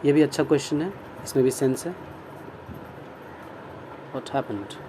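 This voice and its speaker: A man giving a grammar lesson, explaining in Hindi and reading sentences out slowly, word by word. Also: mid-range voice, lively intonation, warm tone, slight background noise. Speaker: English grammar teacher. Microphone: phone screen recording.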